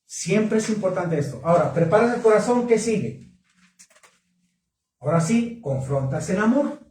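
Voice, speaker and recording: A man preaching at a marriage conference, questioning the congregation in an animated way. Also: sits high, normal speed. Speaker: pastor. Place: church hall. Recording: echoey hall, mic from a distance.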